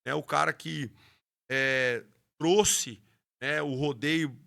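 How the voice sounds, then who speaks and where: Gravelly, bright-voiced man. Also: a little high, fairly even intonation, slow pace. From Brazil. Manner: passionate storyteller, restarts words often. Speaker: rodeo announcer and horse trainer. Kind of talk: interview conversation.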